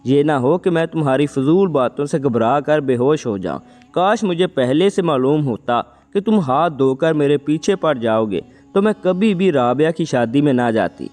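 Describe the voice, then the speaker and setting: A man's voice: a little high, lively intonation, a little mellow, natural voice. A man reading as a frightened, tearful young woman. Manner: crying, pleading. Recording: long reverb, faint music.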